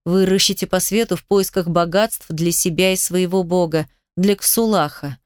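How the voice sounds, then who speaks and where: A woman's voice: lowish voice, fairly even intonation, moderate pace, clear, resonant tone, dry recording, studio quality, lightly acted. Woman doing an icy defiant young herald. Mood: cold. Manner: cold, controlled.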